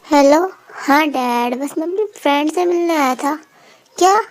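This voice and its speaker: A woman's voice: high-pitched, unhurried, pitched below the performer's own voice. A woman voicing a sweet-talking young male college friend in a fan-made dub. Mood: hurried.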